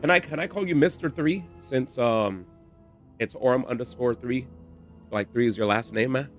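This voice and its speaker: A man's voice: medium pitch, moderate pace, faint music behind. A man live-streaming a game, chatting casually and reacting in slang.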